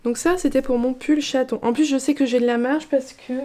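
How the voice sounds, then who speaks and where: A woman chatting casually as a knitting vlogger, relaxed and talkative, with frequent fillers and restarts. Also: sits high, brisk. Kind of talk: casual chat.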